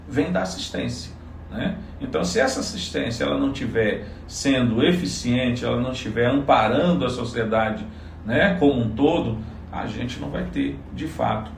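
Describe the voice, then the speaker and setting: A man's voice: medium pitch, creaky, distant mic, a little hiss or hum. Earnest man, echoey room. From Salvador, Bahia, Brazil. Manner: earnest, explanatory, many restarts. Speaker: psychologist and political candidate. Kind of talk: interview answers.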